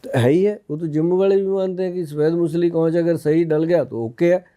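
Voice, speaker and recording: A man's voice: on the high side, fairly quick, dark tone, smooth. A man from India in his fifties, an Ayurvedic expert on a podcast, explaining in a folksy way with personal anecdotes. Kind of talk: casual podcast interview.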